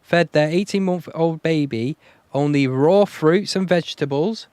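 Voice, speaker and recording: A man's voice: fairly high pitch, a little slow, a little mellow, smooth, no echo. A man co-hosting a chat show, reading out a news story in a casual way. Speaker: co-host presenting a news story.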